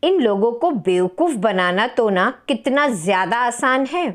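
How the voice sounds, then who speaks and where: A woman voicing a greedy, scheming young woman who talks in a sly, excitable way. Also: on the high side, unhurried. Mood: sly gleeful. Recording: roomy echo with long reverb.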